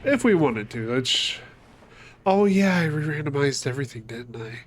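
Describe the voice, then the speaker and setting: A man with a cold narrates his gameplay in a casual, chatty let's-play for his gaming channel, cursing occasionally and addressing on-screen enemies. His mid-range voice is animated and moderately paced. A little hiss or hum sits in the recording.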